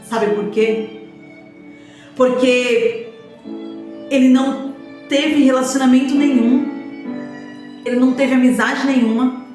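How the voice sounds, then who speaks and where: High-voiced woman preaching in an echoing room. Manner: emphatic, repetitive, addresses listeners directly. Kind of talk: sermon. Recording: very echoey room with faint instrumental music.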